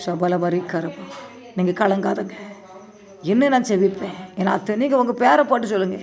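A woman preaching a night prayer sermon, fervent, swinging between loud exhortation and quiet hallelujahs. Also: mid-range voice, moderate pace, creaky. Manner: fervent, rising and falling with repeated hallelujahs.

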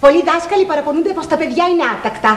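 Fussy headmistress, very high voice, lively swings, roomy old TV sound, faint hiss. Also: female voice. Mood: indignant. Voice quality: high, theatrical, exasperated. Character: flustered, indignant middle-aged headmistress. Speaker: school headmistress character. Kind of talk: 1980s children's TV acting.

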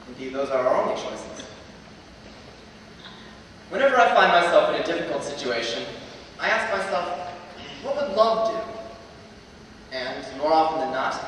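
Filmed from far off in a reverberant hall, a teenage graduation speaker at a lectern mixes earnestness with wry humor. His voice is fairly high and fairly bright, picked up by a stand mic with slight background noise.

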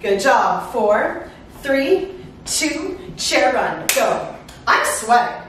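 A woman's voice: fairly high pitch, drawn-out words. Super echoey room, lady aerobics instructor calling moves and counts, upbeat, encouraging, real swoopy voice. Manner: energetic, encouraging aerobics instructor, exerting while exercising. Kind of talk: upbeat workout coaching with called cues and countdowns. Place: living room at home, indoors. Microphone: far camera. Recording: echoey room, far microphone, faint noise.

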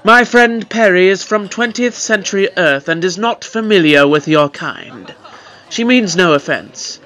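A man's voice: high-pitched, animated, a little slow, a bit bright. The Doctor, a man doing a fussy time-traveller. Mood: scolding. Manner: fussy, theatrical, scolding.

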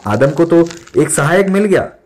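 A young male pastor in his twenties delivers a sermon with real emphasis. He drops English words into his speech and hammers points home by repeating them. His voice sits a little higher than most men's. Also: expressive, moderate pace, a little mellow. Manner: emphatic preaching, repeats lines for stress.

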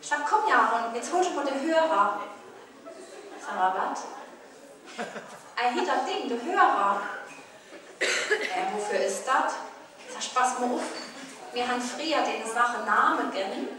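A woman with a Saarland German accent tells a carnival comedy story, slipping into the voices of the people in it. Her voice sits high. She is heard from a distance in a very echoey hall, with a crowd clearly present. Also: animated, measured pace, pauses often. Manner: chatty storytelling, acting out dialogue. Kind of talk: carnival stand-up monologue. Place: large carnival hall with audience.

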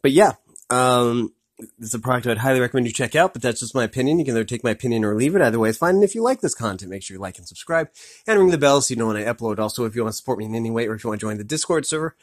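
Very fast and animated, a middle-pitched man reviews a snack from behind his phone for a casual food vlog. He's hesitant, full of ums and restarts, and this easygoing, unscripted product reviewer repeats "really, really good" over and over.

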